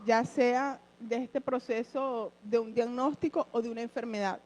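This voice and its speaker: A woman with a fairly high voice shares an earnest personal testimony in church. Her breath runs short with emotion, and she speaks directly to her listeners. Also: fairly even intonation, normal speed, a little mellow, dull audio. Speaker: church member giving a testimony.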